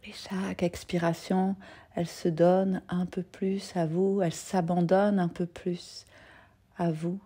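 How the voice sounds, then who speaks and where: With a low-ish, slightly rough voice and level tone, a woman teaching yoga nidra guides listeners through meditation. She is gentle and soft-spoken, soothing, and pauses at length.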